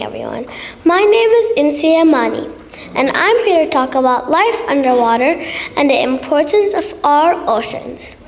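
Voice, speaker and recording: A child of nine or ten giving a prepared competition speech in a stiff, memorized delivery. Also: high-pitched. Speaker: contest speaker. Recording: hall with long reverb.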